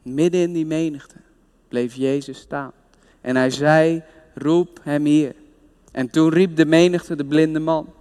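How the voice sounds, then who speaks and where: A man's voice: fairly high pitch, steady tone, unhurried, darkish tone, smooth, in a large hall. A man preaching a sermon, retelling a scripture story with emphatic storytelling.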